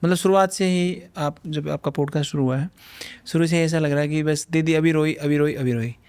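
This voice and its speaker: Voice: mid-range voice, steady tone, brisk, darkish tone, clean tone. A podcast interviewer asking probing, teasing questions.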